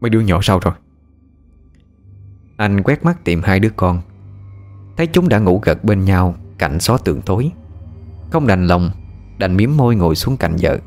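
A man narrating a scripted ghost story in an expressive, suspenseful reading. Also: low voice, moderate pace, soft background music.

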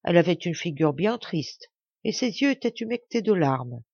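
A woman's voice: lowish voice, very animated, normal speed, gravelly, a little mellow, husky, no echo, lo-fi sound, exaggerated voice. A woman voicing a sly young boy prankster in a storybook, who pleads in a mock-tearful way. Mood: pleading.

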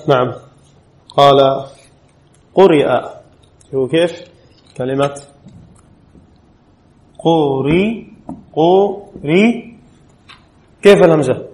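A man's voice: mid-range voice, a little mellow. A man teaching a classroom lesson on Arabic spelling rules, reading a rule aloud and quizzing his students with frequent short questions. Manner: reads a rule text aloud, then explains. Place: classroom at an Islamic studies center.

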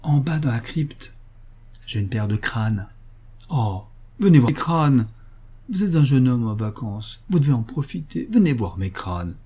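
A man voicing an old male churchyard keeper in a storybook reading, who talks in a low, tempting murmur. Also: animated, unhurried, warm tone, husky. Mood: wheedling.

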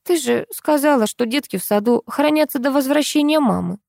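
A woman voicing a timid, sad little boy in an audiobook, speaking quietly. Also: mid-range voice, moderate pace, no echo, clean studio sound, natural voice. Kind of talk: audiobook character voice.

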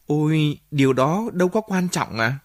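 A man's voice: fairly high pitch, animated, moderate pace, no echo, studio quality, voice pushed up, natural voice. Man playing a determined young suitor. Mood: cheerful.

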